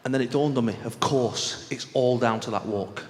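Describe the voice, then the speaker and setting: A man's voice: mid-range voice, normal speed. A man with a Mancunian accent performing stand-up comedy to a live audience, telling stories in a chatty, conversational way and acting out exchanges. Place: on stage in a large venue. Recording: echoey live hall with clear background noise.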